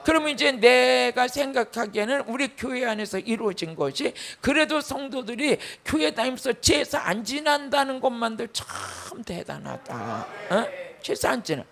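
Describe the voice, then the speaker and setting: An older woman pastor giving a sermon testimony, telling her story in an animated way with loud, emphatic bursts. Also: on the high side, moderate pace, gravelly.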